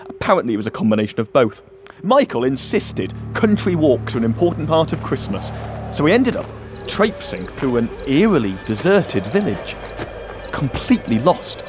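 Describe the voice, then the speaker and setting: A man's voice: medium pitch, big pitch swings, moderate pace, music in the background, close to an everyday voice. An actor playing a dry, put-upon man narrating his diary in a scripted comedy. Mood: weary narrating. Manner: dry, sarcastic.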